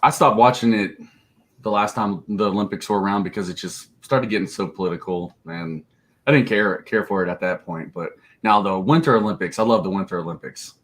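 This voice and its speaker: Man, lowish voice, livestream stock co-host; blunt, jokey, quick to laugh. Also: fairly bright tone. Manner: jokey, laughs easily, blunt and a bit profane. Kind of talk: casual livestream market chat.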